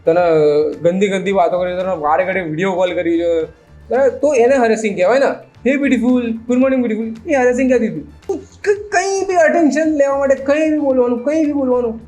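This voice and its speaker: A man's voice: very high-pitched, fast, a little mellow, faint music behind. A man hosting a meme reaction video, ranting sarcastically and mocking clips, mixing English phrases into his talk. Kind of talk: casual reaction commentary.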